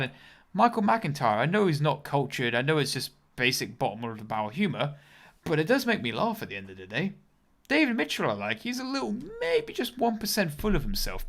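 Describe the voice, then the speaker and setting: A man's voice: on the high side, a bit bright. A young man streaming a game, rambling chattily through casual commentary and breaking off to react to the match. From United Kingdom.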